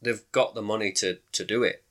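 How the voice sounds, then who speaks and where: A man co-hosting a casual sports podcast, chatty and quick to laugh. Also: lowish voice, steady tone, fairly bright tone. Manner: chatty, laughs readily, trails off mid-sentence. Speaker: podcast co-host. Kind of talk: casual chat.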